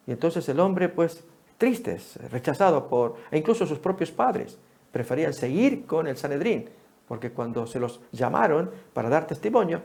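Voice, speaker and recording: A man's voice: fairly high pitch, vocal fry. A man teaching a Bible study lesson, calling his listeners friends and acting out the scripture dialogue as he reads. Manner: animated, addresses listeners as friends; acts out scripture dialogue while reading.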